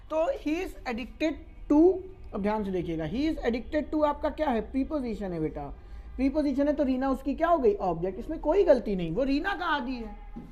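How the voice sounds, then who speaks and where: A woman's voice: fairly high pitch, a little mellow, dull audio. A woman teaching English grammar in a lecture, scolding and teasing her students. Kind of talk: classroom lecture.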